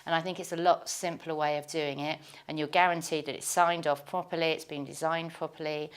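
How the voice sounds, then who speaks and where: A woman's voice: sits low, level tone, brisk, clear, resonant tone. A woman on a property panel, giving confident, practical advice. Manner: confident, practical, matter-of-fact. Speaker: property panel expert on France.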